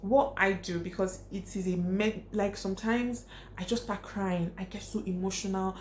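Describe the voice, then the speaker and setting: A woman's voice: medium pitch, fairly even intonation, moderate pace, darkish tone. A young woman vlogger giving frank, emphatic advice to her viewers, repeating her points for stress. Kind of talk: casual advice talk to camera. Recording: echoey room, faint hiss.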